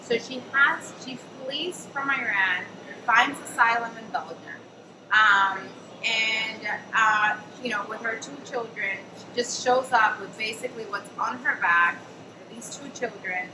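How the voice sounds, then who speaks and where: Speaking a little slowly in a fairly high voice, this chatty woman host shares offhand stories during a panel. She leans heavily on fillers and "I'm like," and the recording catches her from afar in a noisy, echoey café event space.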